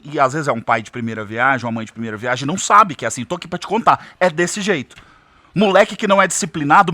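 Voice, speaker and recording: Brazilian guy, fairly high voice, blunt advice straight at parents, dry sound. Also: no echo. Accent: Brazilian Portuguese. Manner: forceful, direct, addresses parents head-on. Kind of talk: emphatic advice talk.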